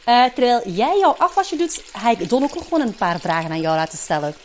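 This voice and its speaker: Casting: female presenter, curious and animated, voice rising and falling widely. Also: on the high side, a little fast, background noise. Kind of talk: TV reportage interview.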